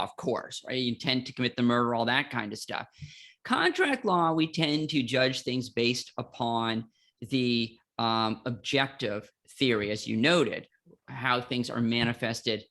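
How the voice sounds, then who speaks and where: Gravelly man explaining law casually. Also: medium pitch, sharp tone. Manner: playful, self-mocking, explanatory. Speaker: podcast co-host, law teacher.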